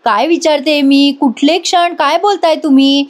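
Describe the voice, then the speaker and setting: An irritated young wife who fires off impatient questions, voiced by a woman reading a recap. Her tone is high and sharp-tongued. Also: close to an everyday voice. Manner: snapping, rapid questions.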